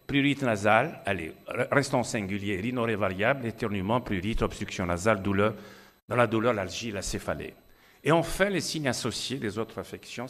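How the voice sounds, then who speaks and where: A middle-aged man with an Algerian French accent, an ENT doctor giving a conference lecture, chatty and anecdotal with many hesitations. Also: lowish voice.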